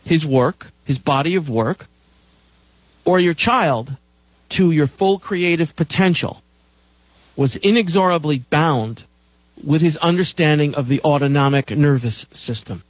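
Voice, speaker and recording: Male radio host, emphatic monologue, slightly raised pitch, dry muffled broadcast audio. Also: unhurried, no echo. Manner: emphatic, lecturing, repeats phrases for stress.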